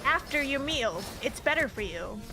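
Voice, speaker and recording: Brief: high-pitched woman game streamer, chatty and rambling, plenty of fillers, game music playing clearly behind her. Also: expressive, normal speed. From American Midwest. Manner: rambling and chatty, heavy on fillers, laughs often. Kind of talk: casual gaming stream chat.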